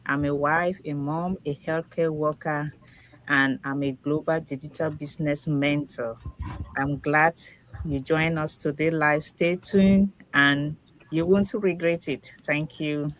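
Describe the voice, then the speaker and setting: A woman from Cameroon, a business mentor, greeting viewers warmly. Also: low voice, steady tone, slow. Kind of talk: casual self-introduction.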